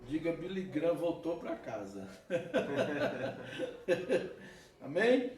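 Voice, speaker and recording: A man with a Brazilian Portuguese accent, a pastor preaching an animated sermon with laughter and asides. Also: sits high, normal speed. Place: church hall. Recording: echoey church hall, mic at a distance.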